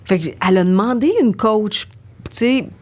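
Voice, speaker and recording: A middle-aged woman with a Québécois French accent, a guest in a casual talk, recounting stories briskly. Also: medium pitch. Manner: brisk anecdotal, lively recounting. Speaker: guest actress. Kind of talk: casual conversation.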